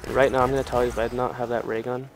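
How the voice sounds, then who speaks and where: A teenage boy rambles through casual gameplay commentary, chatty and loose with his swearing. His voice sits at an ordinary middle pitch with little rise and fall. Loud game gunfire and ambience run beneath his mic. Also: little pitch movement, rapid-fire, background noise. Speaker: gamer. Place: home, at night. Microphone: desk or headset mic. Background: video game gunfire and ambience.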